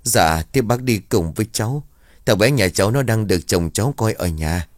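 A man's voice: lowish voice, lively intonation, moderate pace, no room sound, close to an everyday voice. A man putting on a sobbing young village mother. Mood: subdued. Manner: pleading, choked, breaking off mid-phrase.

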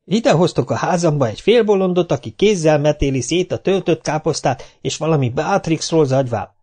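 A man voicing a practical, sharp-tongued middle-aged housewife with a raised, scolding tone in a storybook reading. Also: a little high, lively intonation, husky, voice pushed up. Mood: indignant.

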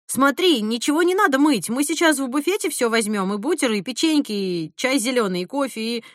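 A woman narrator voices a harried young assistant rattling off errands. Her chatter runs fast and a little high, dry and close. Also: expressive, no echo. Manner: rapid, chattering.

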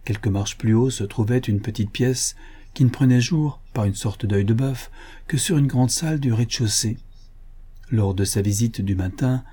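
A man narrating a classic novel as an audiobook in a steady literary reading. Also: mid-range voice, breathy edge. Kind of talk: scripted narration.

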